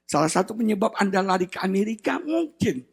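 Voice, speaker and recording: Male pastor, sermon, high voice, lively swings of pitch, gravelly and husky, dramatic shouts and hushed asides. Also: brisk. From Indonesia. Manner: dramatic, swings between loud shouting and hushed low tones; acts out children's crying voices in a high whine.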